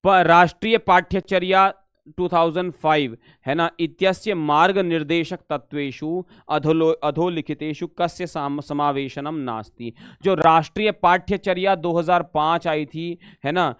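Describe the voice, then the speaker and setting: A man's voice: on the high side, fairly even intonation, a little slow, a bit bright, smooth, dry recording, clean studio sound. A male teacher giving a live exam-prep lesson, reading Sanskrit questions aloud, then explaining them in Hindi and coaxing students to answer. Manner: calls students "beta".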